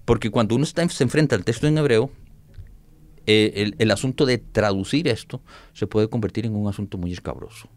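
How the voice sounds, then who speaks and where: A man, explaining and reading Bible verses in an animated, conversational way. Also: on the low side, fairly quick. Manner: animated explainer, reads scripture aloud, laughs often. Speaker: Bible teacher guest.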